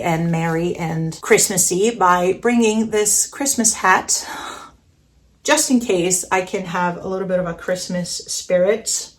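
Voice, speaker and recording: A woman's voice: fairly low pitch, slight background noise. A woman narrating a casual packing vlog in a chatty, enthusiastic way, with playful self-aware humor. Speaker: vlogger.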